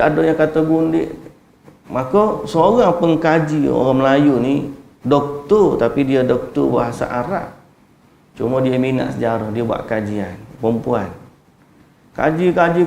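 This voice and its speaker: A man's voice: on the high side, vocal fry, darkish tone. A man with a Malaysian Malay accent, a religious teacher giving a conversational Quran lecture with teasing asides and acted-out quotes. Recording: echoey room, faint ambient noise.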